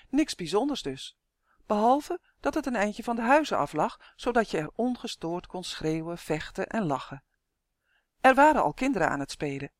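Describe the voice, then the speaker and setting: A narrator reading a children's storybook aloud in a steady, clear telling. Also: medium pitch, dry recording, studio quality. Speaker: audiobook narrator.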